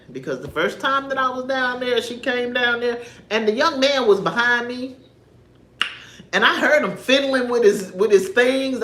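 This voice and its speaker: A woman, talking casually about faith on a livestream, animated and emphatic like a storyteller. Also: medium pitch, echoey room. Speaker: livestream host. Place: home livestream in an echoey room.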